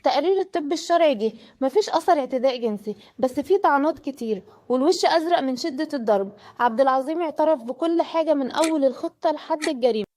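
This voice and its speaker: A woman's voice: high-pitched, expressive, quick pace, a little mellow, no room sound. A woman with an Egyptian Arabic accent giving grave, dramatic scripted true-crime narration.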